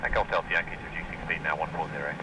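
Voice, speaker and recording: A man's voice: extremely low pitch, fairly even intonation, very fast, gravelly. A man working as a pilot, heard over a radio transmission and giving terse readbacks to the tower. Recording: distant radio feed with loud airfield noise.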